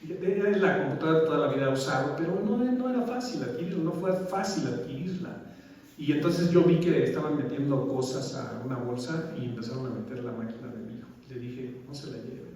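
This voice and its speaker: A man with a Mexican Spanish accent giving a church testimony, halting and emotional, repeating words, sometimes rising to a preaching emphasis. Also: mid-range voice, a little mellow. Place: church hall. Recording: echoey church hall from far off.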